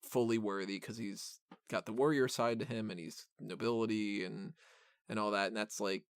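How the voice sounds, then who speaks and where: A man with a fairly low, steady, smooth voice hosts a film podcast, talking at a normal speed with clean studio sound and no echo. He rambles casually about movies in an informal, mildly profane fan style.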